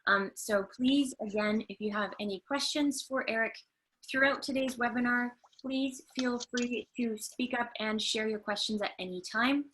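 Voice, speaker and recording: A woman's voice: fairly high pitch, moderate pace, a bit bright, a little hiss or hum. A woman from Canada hosting a video-call webinar interview, polite and a little hesitant with frequent fillers. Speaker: host and trainer.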